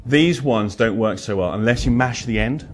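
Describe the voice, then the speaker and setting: A man's voice: normal speed, a little hiss or hum. A middle-aged man giving a presentation as a therapist, a blunt, wry storyteller who swears and swings his voice up and down. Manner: animated, swinging pitch and loudness. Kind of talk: lecture with anecdotes.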